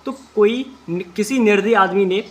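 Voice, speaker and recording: A man teaching an English class, reading English sentences slowly word by word and then explaining each word step by step. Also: sits high. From India. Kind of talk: classroom translation lesson.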